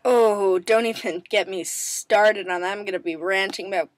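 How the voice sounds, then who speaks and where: A woman's voice: medium pitch, steady tone, normal speed, dry recording. A woman chatting casually to camera, bubbly and rambling, her voice scratchy as she recovers from a sore throat. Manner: bubbly, self-mocking, rambling with many ums. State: raspy voice, recovering from strep throat, coughing. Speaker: vlogger answering viewer questions.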